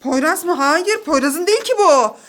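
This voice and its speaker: A woman in her thirties, a mother leading a play game for her children at home, calling out excited, bossy commands. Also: very high-pitched, moderate pace. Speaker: mother running a family game. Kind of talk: playful family vlog. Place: home, indoors.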